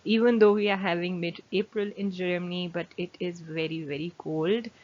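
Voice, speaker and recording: A woman with a bad cold and a nasal voice hosts her video channel and explains a topic step by step, calm and methodical. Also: on the low side, moderate pace. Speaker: channel host. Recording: dull lo-fi sound with faint hiss.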